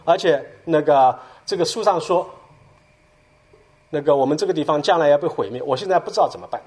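A man voicing a burdened, anguished male pilgrim in a retold story, speaking in a pleading and urgent way with a husky voice. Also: a little high, expressive, a little fast, a little mellow.

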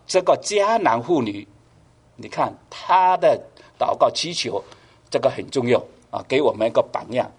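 A man's voice: medium pitch, slightly rough. A man preaching a sermon, asking the congregation rhetorical questions and pushing his voice up for emphasis. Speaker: pastor.

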